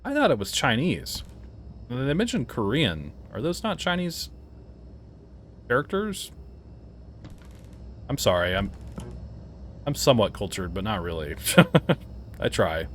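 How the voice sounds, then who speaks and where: A man's voice: medium pitch, huge pitch swings, unhurried, long pauses, fairly bright tone, slight background noise. A man casually commenting as he plays a horror game, thinking aloud, puzzled, with startled yelps and laughs. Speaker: game reviewer playing a horror game. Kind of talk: casual let's-play commentary.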